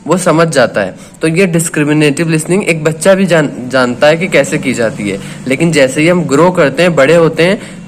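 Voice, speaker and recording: A man with a fairly high voice hosts a video lesson on his own channel. He explains each point step by step, reading definitions aloud slowly and then putting them in his own words. A faint hiss runs under his voice. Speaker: teacher and channel host.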